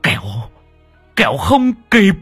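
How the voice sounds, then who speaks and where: A man's voice: low-pitched, big pitch swings, takes it slowly, breathy edge, no echo, faint music behind, voice pushed down, full character voice. A man voicing an old Buddhist monk who gives grave, urgent warnings about a demon. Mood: alarmed.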